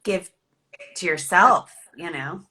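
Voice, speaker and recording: A woman hosting a relaxed chat, her voice bright and forward with a lively, animated delivery. She talks loosely and easily, the way people do in casual conversation. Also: fairly low pitch, slow pace. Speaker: host.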